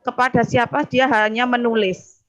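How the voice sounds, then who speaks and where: Halting woman. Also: fairly high pitch, flat delivery. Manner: halting, with many fillers. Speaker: head of a culinary school, panel speaker. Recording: dull lo-fi sound.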